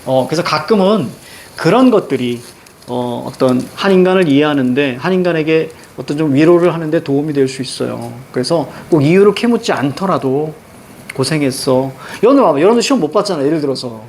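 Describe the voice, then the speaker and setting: A male teacher lecturing his class on a novel, chatty and animated, talking straight to the students. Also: fairly high pitch, fast talker, a little hiss or hum.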